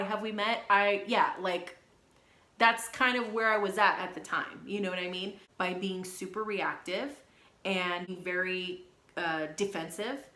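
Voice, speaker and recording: A woman's voice: mid-range voice, bright, forceful tone, roomy sound. A young woman, a hairstylist, talking frankly and emotionally about her past failures in a candid vlog. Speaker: beauty vlogger and hairstylist.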